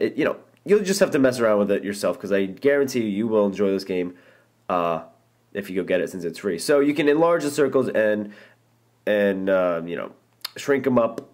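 A man's voice: fairly low pitch, darkish tone. A young man casually walking through a phone game as an app reviewer, enthusiastic and rambling, with many ums and restarts. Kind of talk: casual gameplay walkthrough. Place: indoor room, filming a phone screen.

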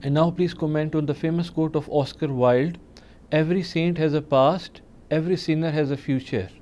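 A man hosting a TV interview, asking questions in a measured, hesitant way with many fillers. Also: on the high side, fairly even intonation, warm tone. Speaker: talk show host. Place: TV studio.

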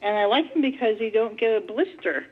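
An American woman chats casually as a phone-in caller. Her voice is husky and a bit high, carried over a dull, muffled phone line. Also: a little fast. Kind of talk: casual chat. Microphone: telephone.

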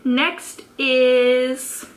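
A high-voiced American woman in her twenties, a beauty vlogger, chats through a makeup tutorial in her carpeted bedroom. Giggly and drunk, she rambles, swears freely and stays unfiltered, her intonation fairly even and words drawn out, with a little hiss or hum.

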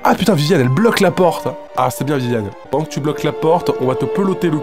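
Sarcastic French gaming host over game music. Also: male voice, a little high, fast talker. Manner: profane, sarcastic, swings between mutters and outbursts. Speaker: let's play host. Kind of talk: casual gameplay commentary with voiced dialogue.

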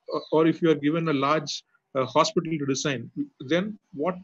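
A man, answering questions in a webinar as an architecture lecturer, pausing often with fillers and restarts. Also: on the high side, fairly bright tone, husky, no room sound. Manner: hesitant, many fillers and restarts. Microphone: video call mic. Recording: muffled lo-fi webinar audio.

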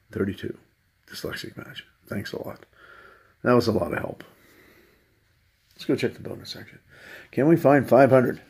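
Husky gravelly guy scratching lottery tickets, grumbling sarcastic asides to himself. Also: mid-range voice, darkish tone. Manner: wry, sarcastic muttering to himself. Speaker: channel host. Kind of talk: casual running commentary while scratching lottery tickets.

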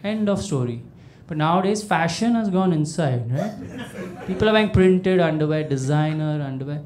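A man's voice: fairly high pitch, expressive, normal speed. A young man performing a stand-up comedy set on a small club stage, talking into a handheld mic and acting out the people he quotes in a conversational way. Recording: live club recording with loud audience laughter. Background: audience laughter.

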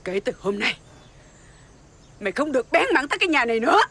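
A shrill southern vietnamese stepmother in a tv fairy tale, high voice that swings all over, scolds and wails. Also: big pitch swings, fast talker, a bit bright, slightly rough, heavily acted. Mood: vengeful. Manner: shrill scolding, wailing over her daughter. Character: cruel doting stepmother, middle-aged woman, hot-tempered. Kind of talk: TV fairy-tale drama acting.

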